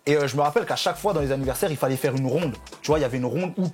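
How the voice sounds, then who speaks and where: A young man co-hosting a casual chat show, eager and quick to agree with his guest. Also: fairly high pitch, soft background music. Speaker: co-host.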